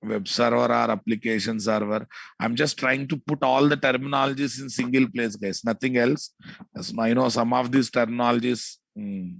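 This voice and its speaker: A man's voice: medium pitch, steady tone, moderate pace, gravelly, no room sound, poor audio. A man with a Telugu Indian accent giving an informal technical lecture as an instructor, repeating himself and often checking that listeners follow. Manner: repetitive, checks understanding often with casual asides. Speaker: programming instructor.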